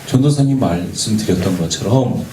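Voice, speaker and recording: A youth pastor with a lowish, expressive voice and a warm tone preaches a sermon in a church worship space at a moderate pace. He speaks earnestly, asks the young people rhetorical questions, and sometimes stumbles over his words and jokes about it. The recording is echoey and distant, with faint background noise.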